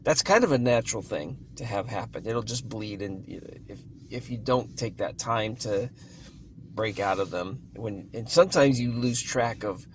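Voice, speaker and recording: A man talks through a book review in a relaxed, rambling way, often stopping to restart his sentences. He speaks slowly, at a medium pitch for a man. A faint ambient hum sits under his voice. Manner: rambling and hesitant, with many restarts. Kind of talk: casual spoken book review.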